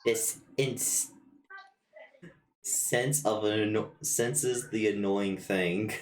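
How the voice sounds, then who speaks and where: A man's voice: fairly low pitch, fairly even intonation, very slow. A man running a tabletop game, narrating casually with blunt, sweary remarks. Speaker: game master. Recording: echoey room, faint noise.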